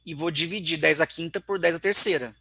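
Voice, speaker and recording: Man, online physics teacher, fairly high voice, bright and forceful, dry close sound, step-by-step explanations. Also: a little fast, no room sound. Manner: walks through calculations step by step, often checking in with the class.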